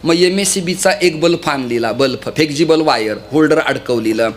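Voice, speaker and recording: There's slight background noise as a man with a fairly high voice preaches a kirtan sermon at a moderate pace. He spins lively stories and often tells listeners to pay attention.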